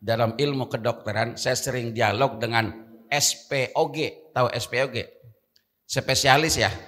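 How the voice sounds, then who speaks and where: Guy preaching a dawn sermon in a mosque hall, slow and bright, chants arabic bits, long echo. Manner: swings between high emphatic rhymes and low asides; chants Arabic verses between talk.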